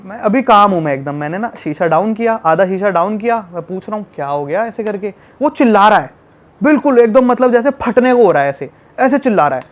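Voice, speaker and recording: A man from Delhi, a travel vlogger, telling a road-trip fight story in an animated, casual way. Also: high voice, a little fast. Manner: animated, acts out shouting in the retelling. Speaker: travel youtuber guest.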